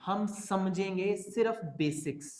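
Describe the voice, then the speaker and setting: Speaking slowly in a high, darkish voice, a male lecturer takes his accounting students through the fundamentals. He coaxes them along and keeps checking that they follow, and the recording carries a roomy echo.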